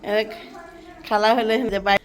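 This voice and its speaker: Chatty high-voiced woman vlogger. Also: level tone, slow pace. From Bangladesh. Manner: chatty, folksy, talks to viewers and family as she films. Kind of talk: casual chat to camera.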